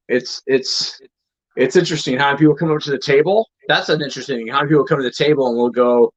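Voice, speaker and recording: A man talks easily about snakes he has kept over the years. His voice has a gravelly fry to it. The audio is dull and lo-fi, as if it comes over a remote call. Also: mid-range voice. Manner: relaxed, chatty, says "man" often. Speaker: guest reptile breeder. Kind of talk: casual chat.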